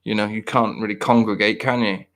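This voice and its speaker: A thirty-something man hosting a podcast rambles casually and pokes fun at himself, restarting his sentences often. His lowish voice has a fairly bright tone and fairly even intonation, and he talks fairly quickly.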